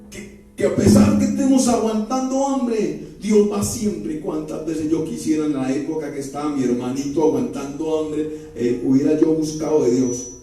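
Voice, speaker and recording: A man's voice: fairly high pitch, dark tone. A man preaching a sermon as pastor, talking conversationally and throwing rhetorical questions at his congregation. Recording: very echoey church hall from far off, faint music.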